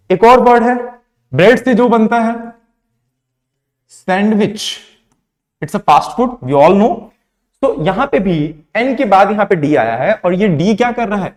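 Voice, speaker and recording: A young man from India gives a classroom lesson on pronunciation. His voice sits high and moves a lot as he quizzes his listeners and answers for them. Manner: asks questions then answers them himself, mixing Hindi and English. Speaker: teacher.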